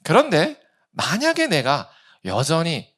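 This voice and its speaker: A man's voice: a little high, wildly swooping pitch, slow pace, a bit bright. A male pastor in his thirties preaching a sermon, asking rhetorical questions and acting out quoted speech.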